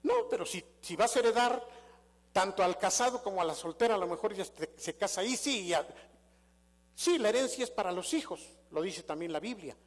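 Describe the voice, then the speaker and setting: Older mexican pastor guy preaching, chatty storytelling, highish voice, long church reverb. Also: expressive, a little fast. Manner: conversational storytelling, rhetorical questions to the congregation. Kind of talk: sermon. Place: church sanctuary.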